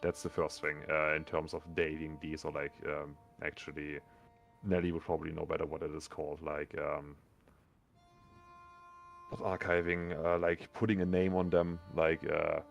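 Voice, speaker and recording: A man with a low, gravelly, sonorous voice running a tabletop game as game master, rambling with many fillers. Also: level tone, moderate pace, faint music behind.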